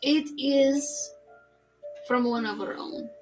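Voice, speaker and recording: A woman plays a peg-legged old sea captain giving a halting, formal proclamation to a crowd in a tabletop game. The voice stays high and bright. Faint music plays underneath. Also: poor audio. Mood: proclaiming.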